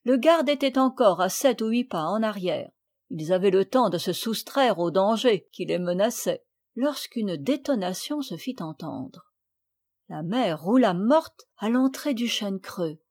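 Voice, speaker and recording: A woman narrating a classic children's novel in a clear, measured storytelling voice. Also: mid-range voice, darkish tone. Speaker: audiobook reader.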